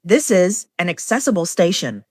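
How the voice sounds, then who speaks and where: A woman reads scripted station announcements in an airport-announcer style. Her voice sits slightly low and has a husky edge, with clear rises and falls in pitch. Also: very animated, moderate pace, darkish tone, no echo, studio quality.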